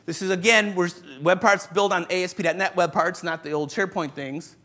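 A man presenting a live programming lecture to a room of developers, brisk and joking, thinking aloud as he demos code. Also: high-pitched, fairly even intonation, pushed and bright, faint music behind. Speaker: conference presenter teaching developers. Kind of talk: live technical lecture with demo. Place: conference room with live audience.

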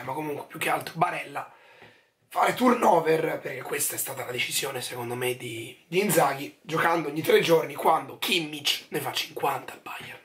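A man in his twenties with a hoarse, nearly lost voice, giving halting, emphatic football commentary in a casual style. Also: on the high side, fairly bright tone. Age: 20s. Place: small furnished room at home, indoors.

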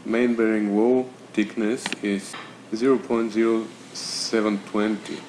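A man talking slowly through engine measurements in a workshop tutorial, pausing and filling gaps as he works out numbers. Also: lowish voice, fairly even intonation, darkish tone, a little hiss or hum. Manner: methodical, talking through numbers with pauses and fillers. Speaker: home mechanic explaining engine measurements. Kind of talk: step-by-step tutorial narration.

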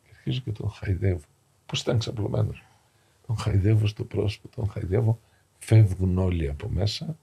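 A middle-aged priest with a low, dark voice tells a story from his parish while sitting on a studio sofa. He plays each voice in the tale and lets his tone fall to a near-whisper. His voice has a rough, gravelly edge and a breathy husk. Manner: acts out dialogue in shifting voices, drops to hushed tones. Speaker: Orthodox parish priest, podcast guest. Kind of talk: emotional storytelling in a podcast interview. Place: podcast studio, seated on a sofa.

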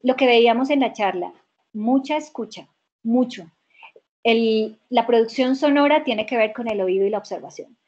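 A woman's voice: a little high, normal speed, a little mellow. A woman teaching a dubbing workshop, answering questions emphatically and repeating key words. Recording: muffled video call audio.

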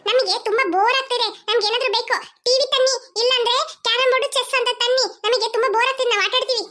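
A woman's voice: very high-pitched, fairly even intonation, racing. A woman voicing a cheeky, bossy little girl in a cartoon, chattering and demanding. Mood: bold. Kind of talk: cartoon voice acting. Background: music.

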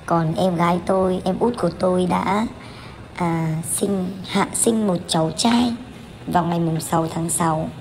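A woman's voice: lowish voice, steady tone, a little slow, a little mellow, a little hiss or hum. A woman in her thirties narrating a family vlog as voice-over, candid and chatty, with many fillers and restarts. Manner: candid, chatty, with frequent fillers and self-corrections. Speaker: vlogger.

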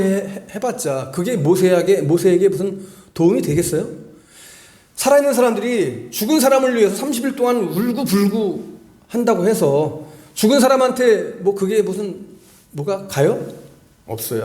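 A man with a high voice preaches to his congregation, asking them questions and hammering points home through repetition. His words ring around an echoey church hall. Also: darkish tone. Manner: asks the congregation questions and repeats phrases for emphasis. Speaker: pastor. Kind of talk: sermon.

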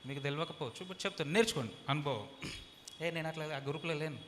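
గట్టిగా బోధించే pastor, ప్రతిధ్వనించే hall. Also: male voice, a little high, fast, big-room sound, a little hiss or hum. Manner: loud, forceful preaching with shouted peaks. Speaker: pastor. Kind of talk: sermon. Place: church hall.

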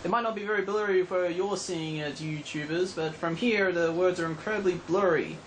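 A man's voice: sits high, a little fast, echoey room. A man giving casual gameplay commentary while playing, recorded indoors by a camera filming the TV. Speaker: gamer recording a playthrough. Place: indoors, in front of a television. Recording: noisy room, camera filming TV.

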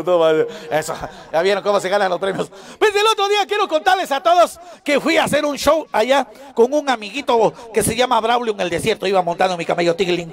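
A man's voice: extremely high pitch, a bit bright. A man performing as a children's party clown at a live show, playful and laughing as he calls out to the kids.

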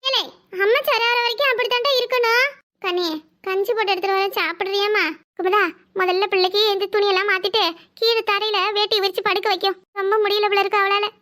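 A woman voicing a fussing, caring older village mother-in-law in a cartoon, speaking with a southern Tamil Nadu accent and giving orders fast. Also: very high voice, fairly even intonation, sharp tone. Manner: bossy, fast, scolding yet tender. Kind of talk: cartoon voice acting.

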